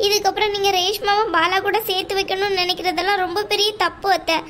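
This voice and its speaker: A woman's voice: very high-pitched, little pitch movement, fast talker, a bit bright, a little hiss or hum. A woman voicing a young, newly married wife who pleads tearfully with her mother-in-law in an amateur audio drama. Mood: pleading.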